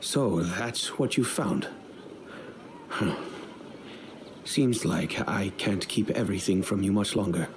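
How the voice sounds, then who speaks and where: Over game music, an actor plays a grave middle-aged father who heads a noble family, telling the story in a measured, solemn way. His voice sits low, and there's some background noise.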